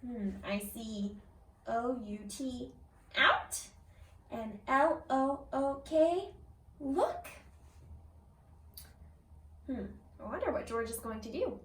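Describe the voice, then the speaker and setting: A kindergarten teacher reads a children's picture book aloud slowly, her high voice swinging in an expressive, exaggerated way as she pauses to ask her young listeners questions. The mic picks her up from a distance, giving a roomy echo with slight background noise.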